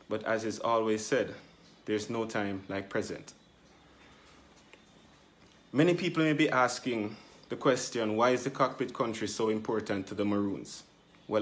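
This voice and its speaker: Man giving a measured formal address. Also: fairly low pitch. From Jamaica. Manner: measured, declamatory, emphatic. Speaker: Maroon community leader. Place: outdoors under a tree, then indoors before a flag backdrop.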